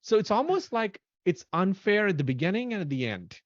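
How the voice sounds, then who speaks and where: A man in his thirties hosting a casual podcast chat, excitable and animated, speaking in quick bursts. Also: high voice, dry recording. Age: 30s. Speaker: podcast host. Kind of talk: casual chat on a video call. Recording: dull, lo-fi, dry audio.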